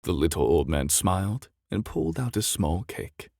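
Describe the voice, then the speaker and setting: Deep, creaky-voiced man reading a bedtime story. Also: animated, moderate pace, darkish tone, no room sound, clean studio sound. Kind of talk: soft ASMR bedtime story narration.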